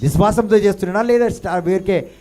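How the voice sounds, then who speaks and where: A man preaching a sermon, firing rhetorical questions and swinging between hushed and loud delivery, mixing in English phrases. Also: high-pitched, fast. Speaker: pastor.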